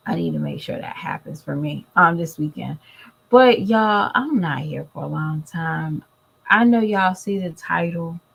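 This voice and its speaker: This vlogger, a woman who sounds tired and congested, chats to the camera and addresses her audience directly. Her voice sits fairly low, with vocal fry and a breathy edge, on a low-quality recording.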